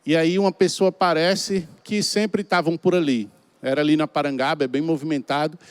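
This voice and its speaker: Cearense preacher telling stories, dry sound. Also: male voice, a little high, no echo. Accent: Cearense Portuguese. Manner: chatty, colloquial, acts out quotes. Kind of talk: storytelling sermon.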